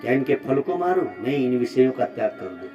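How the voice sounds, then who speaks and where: A man's voice: mid-range voice, sing-song, fairly quick. Man preaching a dramatic sermon. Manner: dramatic, swings between loud exhortation and soft asides. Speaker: religious storyteller. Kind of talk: devotional sermon with storytelling. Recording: muffled distant mic with music.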